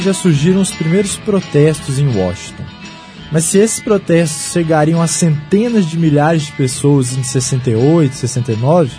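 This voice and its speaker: A man with a Brazilian accent reading scripted history narration as a show host, with a wry manner. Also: a little high.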